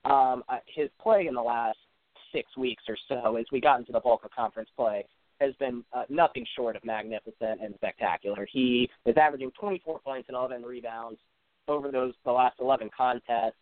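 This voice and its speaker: A man's voice: mid-range voice, steady tone, a little fast, no echo. A man co-hosting a casual sports talk podcast, telling game stories as an eager fan with some "uh" fillers. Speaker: podcast co-host. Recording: dry tinny phone-like line.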